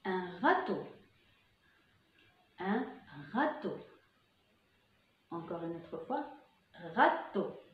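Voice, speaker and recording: A kindergarten teacher, a woman, leading a vocabulary lesson, slowly saying single words again and again for the children to repeat. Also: fairly low pitch, animated. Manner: slow, drawn-out repetition of single words for children to echo. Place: school classroom. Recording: echoey classroom, slightly dull sound.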